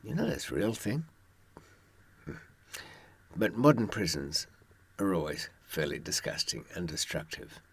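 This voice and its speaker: An author draws on experience to give prison survival advice, mixing anecdotes and tips in an informal monologue full of wry, dry humour and asides to the listener. His voice is low, gravelly and slightly rough, very animated yet unhurried, with frequent pauses.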